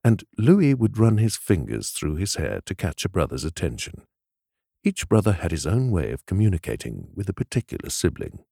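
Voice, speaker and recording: A man narrating a novel in a measured, expressive storytelling manner. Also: deep voice, creaky, dry recording, studio quality. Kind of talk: scripted audiobook narration.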